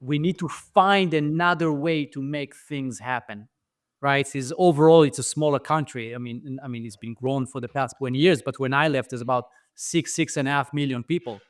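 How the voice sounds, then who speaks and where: A middle-aged man with an Israeli accent talks at normal speed in a medium-pitched voice, recorded cleanly in the studio with no room sound. He's a franchise founder appearing as a podcast interview guest, thoughtful as he tells his story, often using fillers and restarting sentences.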